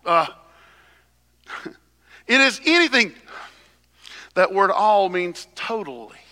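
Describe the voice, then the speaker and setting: Male preacher, high bright voice, slow delivery, at a pulpit microphone in a reverberant church hall. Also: sing-song. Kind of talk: sermon.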